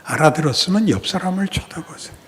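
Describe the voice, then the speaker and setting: A man's voice: on the high side, expressive, quick pace, fairly bright tone, slight background noise. Older male pastor preaching in a hall. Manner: conversational preaching, dropping to near-whispers and rising to scolding outbursts. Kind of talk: sermon. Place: church sanctuary. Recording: church hall reverb.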